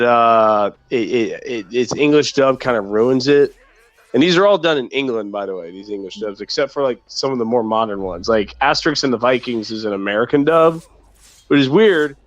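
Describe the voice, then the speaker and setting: A man's voice: mid-range voice, dull audio. Chatty rambling man. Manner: rambling, chatty, thinking aloud. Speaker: co-host. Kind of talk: casual gaming chat.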